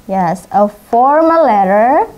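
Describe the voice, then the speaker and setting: Woman teacher, Indonesian accent, slightly high voice, patient pronunciation drills. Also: animated, a little mellow. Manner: slow, careful pronunciation drills, repeating each word. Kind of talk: bilingual English vocabulary lesson.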